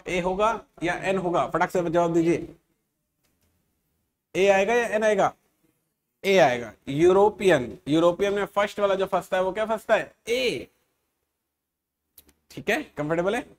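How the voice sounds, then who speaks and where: A man teaching an exam-prep English grammar lesson, sounding out letters and words slowly and checking often that his students follow. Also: high voice, animated.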